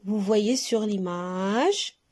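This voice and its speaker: A woman teaching young pupils to read, stretching out each sound and syllable slowly and clearly so they can repeat after her. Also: mid-range voice, animated, a little mellow. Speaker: primary school French teacher. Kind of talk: recorded reading lesson for young pupils.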